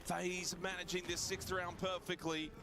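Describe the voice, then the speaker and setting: A man casting a live esports match play-by-play, building excitement on big plays. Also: high-pitched, moderate pace, background noise.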